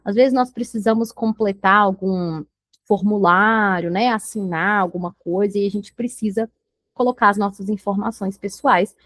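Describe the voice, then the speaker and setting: A woman teaching a beginner English lesson, patiently slowing down to model each English word, her native language Portuguese. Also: mid-range voice, fairly bright tone, no room sound.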